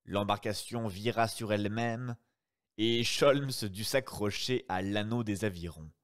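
A man narrating a novel in a live read-aloud, with slow, measured delivery. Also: lowish voice, clear, resonant tone.

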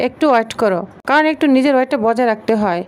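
A brash, hot-tempered young heroine who talks bluntly and bosses others around, read out by a woman narrator. Her voice sits high. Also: fast, lightly acted.

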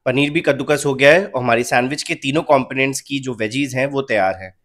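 Calm and even, a young man at an ordinary middle pitch narrates a recipe voice-over for his cooking channel. He speaks fast, explaining each step plainly for viewers following along at home.

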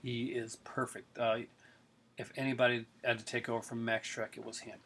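A middle-aged collector rambles eagerly through a casual video review of his films, using many fillers, recorded close-up on a webcam in his living room. His mid-range voice is level and fairly bright at a normal speed, with a little hiss or hum in the recording.

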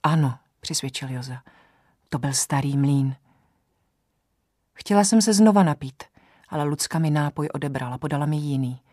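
A woman narrating a novel in the first person, in a measured storytelling manner. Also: deep voice, dark tone, no echo, clean studio sound. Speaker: audiobook narrator.

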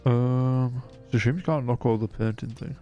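A man chatting casually while streaming a game, rambling and hesitant, with a croaky, sleepy voice. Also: mid-range voice, steady tone, normal speed, lo-fi sound, soft background music. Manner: rambling and hesitant, many restarts. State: sleepy, yawning. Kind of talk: casual live-stream chat.

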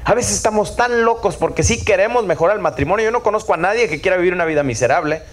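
Man, middle-aged, preaching, lively pitch, keeps asking listeners to agree. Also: quick pace. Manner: animated, asks the audience for agreement often. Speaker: pastor. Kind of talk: sermon.

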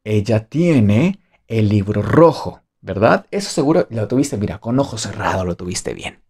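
A man's voice: lowish voice, big pitch swings, moderate pace, a little mellow, breathy edge. A man with a Mexican Spanish accent teaching a beginner English lesson online, playful and jokey, drilling phrases by repetition.

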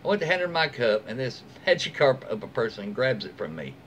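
A fortysomething American man reads online stories aloud as a host would, in a casual, folksy, informal style full of his own asides. His mid-range voice is sing-song, fairly bright, and a little fast. He's indoors in a small room at home, with faint room noise behind him.

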